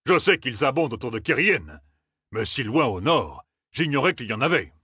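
A man voicing a loud, flustered riverboat captain who exclaims and blusters. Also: medium pitch, big pitch swings, moderate pace, breathy edge, dry recording, clean studio sound, voice pushed up, full character voice. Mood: astonished.

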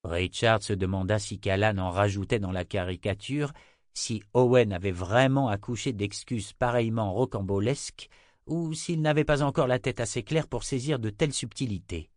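A man narrating a fantasy novel in an even, measured reading on a close microphone. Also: fairly low pitch, dry recording. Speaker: audiobook narrator.

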